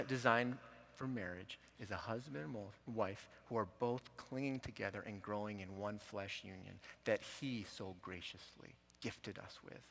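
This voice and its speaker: A middle-aged man and marriage counselor teaching a lesson, telling a counseling story with earnest, animated quotes. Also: mid-range voice.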